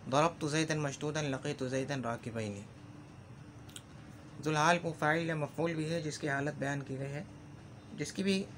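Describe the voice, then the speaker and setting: A man's voice: fairly high pitch, a bit bright, slight background noise. Man teaching grammar, repeating examples. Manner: repeats example phrases, checks understanding with "ठीक है". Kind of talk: explanatory lesson.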